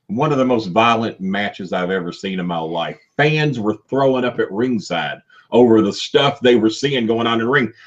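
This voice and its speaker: A man guest in a wrestling interview, telling stories in an animated way, his voice jumping high when he gets excited. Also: moderate pace, few pauses, dull audio. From Kentucky, USA. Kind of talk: storytelling interview.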